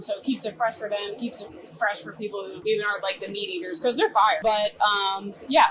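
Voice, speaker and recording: A young American woman who runs a food truck chats casually through a cooking demonstration, informal, slangy and enthusiastic. She's from Greensboro and High Point, North Carolina, and her mid-range voice comes through a rough recording.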